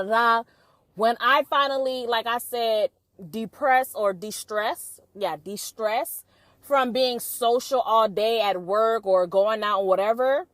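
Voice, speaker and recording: A woman's voice: on the high side, fairly bright tone, no room sound. Blunt, profane young woman vlogging. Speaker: vlog host. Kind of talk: casual opinion monologue to camera.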